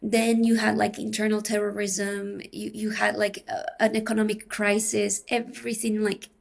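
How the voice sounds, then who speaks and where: A woman from Peru, explaining her academic research in a measured, thinking-aloud way as a podcast interview guest. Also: medium pitch, level tone, gravelly.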